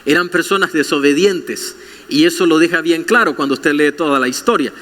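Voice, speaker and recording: Male pastor, sermon; high and sharp-toned, asks listeners direct questions, long hall reverb. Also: brisk.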